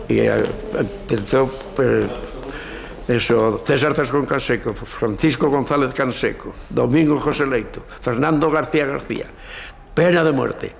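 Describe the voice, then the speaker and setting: A man's voice: medium pitch, unhurried, vocal fry. An older man with an accent from Spain gives spontaneous testimony, telling it anecdotally, repeating words and acting out remembered dialogue. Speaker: former political prisoner, eyewitness. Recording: long reverb, faint background noise.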